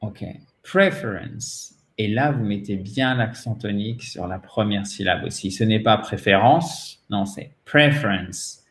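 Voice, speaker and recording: A man with a French accent, a native French speaker, teaching English pronunciation in a patient way and repeating words slowly for drilling. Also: on the low side, roomy sound. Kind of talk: pronunciation lesson.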